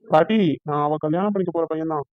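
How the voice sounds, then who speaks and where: A cheeky young man from a cartoon teases in quick bursts, as a woman acts him out. The voice is lowish and fast. The recording is thin and phone-like, and very dry. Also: no room sound, lightly acted. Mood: teasing. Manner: playful, teasing. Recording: tinny phone-like dry sound.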